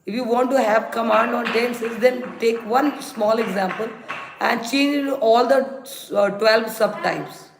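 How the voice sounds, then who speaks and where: Female teacher, Indian accent, live-stream lesson. High, gravelly edge, instructive and repetitive delivery, echoey room. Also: unhurried. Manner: instructive, repeats examples and rules. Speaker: English grammar teacher. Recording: roomy echo, faint noise and clicks.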